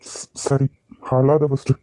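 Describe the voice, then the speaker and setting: A man's voice: mid-range voice, completely flat delivery, slow pace, mellow, dry recording, natural voice. A man voicing an earnest, possessive young husband in a cartoon love story. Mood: insistent. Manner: earnest, insistent, emotional.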